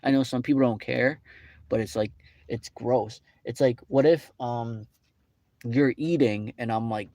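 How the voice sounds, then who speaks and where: A young man in a casual rant, rambling and indignant, full of fillers. His voice sits at an ordinary middle pitch, and the sound is dry and close with little room echo. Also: unhurried, mellow. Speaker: vlogger. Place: fast-food restaurant.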